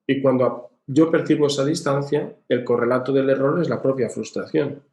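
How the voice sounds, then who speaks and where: A man's voice: mid-range voice, fairly even intonation, normal speed, a little mellow. A man giving a recorded lecture on emotional education, explaining patiently with examples and rhetorical questions. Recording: echoey room.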